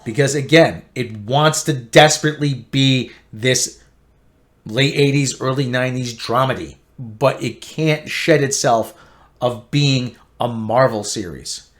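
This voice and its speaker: An online pop-culture commentator delivers an opinionated, emphatic rant reviewing a TV show at a measured pace. He repeats himself and swings between loud outbursts and low grumbling.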